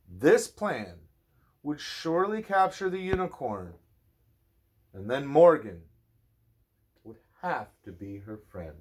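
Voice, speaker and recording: A man reads a children's storybook aloud in an animated, fatherly style. His pitch rises and falls a lot while his pace stays slow, and he adds dramatic pauses for the listener.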